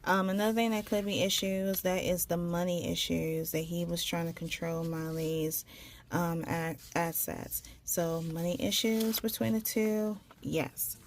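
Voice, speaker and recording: Female tarot reader, lowish gravelly voice, casual and halting delivery, speech slightly caught by a tongue ring. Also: fairly even intonation, slight background noise. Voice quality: slight impeded articulation from a tongue piercing. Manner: halting, searching for words, repeats phrases. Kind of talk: casual spoken tarot reading.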